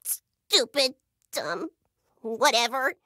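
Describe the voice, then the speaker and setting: A woman voicing a small, excitable, childlike creature sidekick in a video game. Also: on the high side, very slow, no echo, studio quality, exaggerated voice. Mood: excited, petulant.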